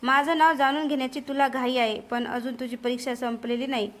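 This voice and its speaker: A woman reading the lines of a calm, taunting male villain in a storybook drama. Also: sits high, a little fast, close to an everyday voice.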